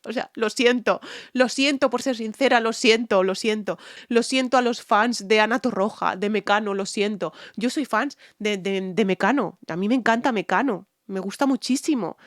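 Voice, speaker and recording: A woman's voice: medium pitch, no echo, clean studio sound. Enthusiastic woman. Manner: enthusiastic, repeats phrases for emphasis; hums and sings short phrases along with the song. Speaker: singer reacting to a music video. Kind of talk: casual reaction commentary on a singer's technique.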